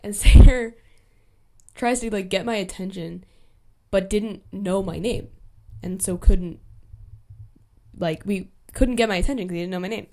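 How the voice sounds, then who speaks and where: A woman's voice: medium pitch, a little mellow. Chatty young woman telling a story. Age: young adult. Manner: chatty, heavy use of "like" fillers, quick asides and self-corrections. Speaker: podcast host. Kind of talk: casual solo storytime chat.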